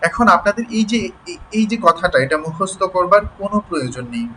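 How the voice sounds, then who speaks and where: A man's voice: high voice, very animated, pushed and bright, slight background noise, low-quality recording. A man teaching an online class. He explains patiently, spells words out sound by sound, and keeps checking that his students follow. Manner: explains slowly, checks in with "ঠিক আছে?".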